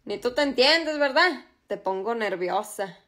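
A cocky macho man with a high, boastful voice swaggers through every line, as a woman puts him on. He flirts shamelessly and sounds sure he is irresistible. It plays as a comedy sketch. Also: lively intonation, measured pace, sharp tone. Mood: flirting.

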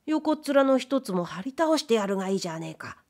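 Woman doing a lazy gruff Edo tradesman, rough street talk, audiobook. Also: on the high side, big pitch swings, quick pace, darkish tone. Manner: rough Edo commoner speech. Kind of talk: audiobook reading of period fiction.

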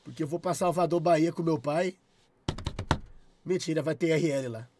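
A young man with a Brazilian accent, chatting on a live stream, loud and profane, shouting thanks at his chat. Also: a little high, normal speed, noisy background. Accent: Brazilian Portuguese.

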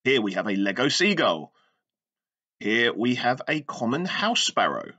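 In a kids' activity video shot on a webcam in front of him in a small brick-walled room, a man in his thirties jokes, explains like a teacher, and talks back to a silent toy puppet. His medium-pitched voice is very animated, pushed, bright, and slightly rough at a measured pace. The recording is muffled.

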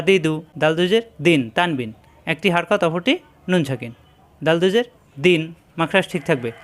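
A man's voice: fairly high pitch, fairly bright tone. A man teaching Quran letter pronunciation, patiently repeating syllables for his students to copy. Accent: Bangladeshi Bengali. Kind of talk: step-by-step pronunciation lesson.

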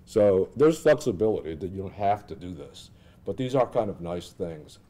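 A middle-aged American man giving an informal lecture with a software demonstration, thinking aloud and asking rhetorical questions. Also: sits low, lively intonation, normal speed. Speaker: instructor presenting clinical simulations. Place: indoor classroom at a lectern.

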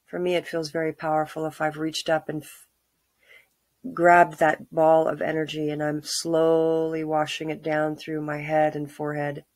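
A middle-aged woman leading a calm guided grounding exercise, giving soothing, unhurried instructions with pauses. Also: low voice, no room sound. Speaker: meditation guide. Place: small room at home, indoors.

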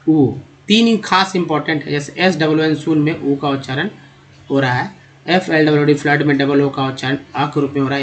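Slow-drilling Hindi-accented male teacher. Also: fairly high pitch. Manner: addresses viewers as friends, repeats words slowly. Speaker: English teacher. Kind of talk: explaining pronunciation in a video lesson.

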